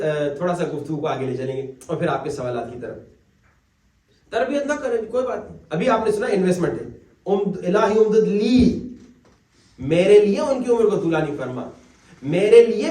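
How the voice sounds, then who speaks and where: A man's voice: sits high, dark tone. A male cleric in an Islamic centre telling stories with quoted dialogue in an earnest lecture about raising children. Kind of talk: religious lecture. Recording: echoey hall, distant mic.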